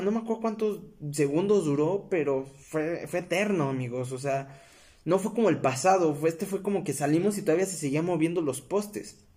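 A man's voice: sits high, warm tone. A young man with a Mexican accent casually telling a personal story to his viewers, rambling with fillers and self-corrections and calling them friends. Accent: Mexican Spanish. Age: young adult. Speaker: vlogger.

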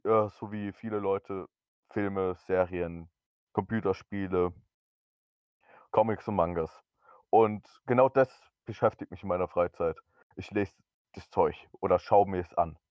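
A young man in his twenties chats casually as a podcast co-host, a little hesitant and full of fillers. His voice sits low, and the recording is dry and somewhat dull, as from a home setup. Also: measured pace, long pauses, clean tone, dry recording. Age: 20s. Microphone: new podcast microphone.

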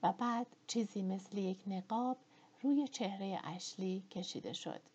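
Breathy woman narrating a novel. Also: medium pitch, darkish tone. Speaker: audiobook narrator. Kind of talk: scripted narration.

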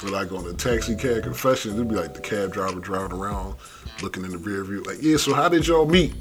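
Low-voiced man joking around. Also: animated, fast talker. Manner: loose, joking, mimics people in quotes. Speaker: podcast co-host. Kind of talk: casual chat. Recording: music playing behind.

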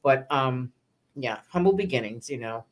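New woman, low and animated, earnest faith chat, full of restarts. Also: moderate pace. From New York. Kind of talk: casual faith-based chat.

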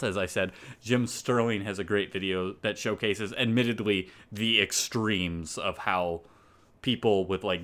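A man's voice: lowish voice, sharp tone. A man co-hosting a gaming podcast, giving opinionated takes in casual chat with frequent restarts. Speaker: podcast co-host.

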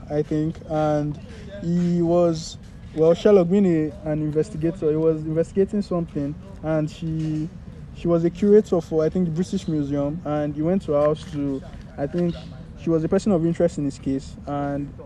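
A man's voice: on the high side, steady tone, moderate pace, mellow, a little hiss or hum, poor audio. A young man from Nigeria with a Nigerian accent, chatting casually as a podcast co-host and often searching for words. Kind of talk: casual chat.

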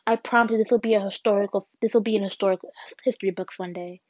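Young woman, solo podcast host, earnest and halting delivery, dull lo-fi sound. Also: medium pitch, steady tone, a little mellow, no room sound. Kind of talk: solo personal podcast reflection. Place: alone at home. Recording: dull, dry lo-fi recording.

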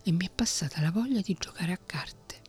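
Soft music plays beneath a woman's lowish, slightly rough voice as she reads a fairy tale at normal speed. She whispers the part of a young man who is unafraid and longs to learn fear, keeping it calm and bold.

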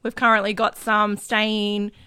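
A woman's voice: mid-range voice, completely flat delivery, a little slow, bright, forceful tone, clean tone, dry recording. A woman guest in a casual interview, explaining things in an upbeat way with the odd joke. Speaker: team leader guest.

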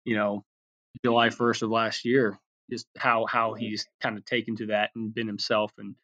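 Pitching coach talking shop, slightly muffled. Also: male voice, little pitch movement, moderate pace, sharp tone. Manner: talkative, many restarts and fillers. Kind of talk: casual interview chat.

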